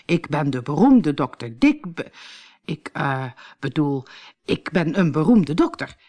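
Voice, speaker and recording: A woman's voice: low-pitched, big pitch swings, slow pace, dark tone, heavily acted. A woman voicing a cheeky young man who poses as a pompous doctor in a storybook, mock-solemn and hesitant.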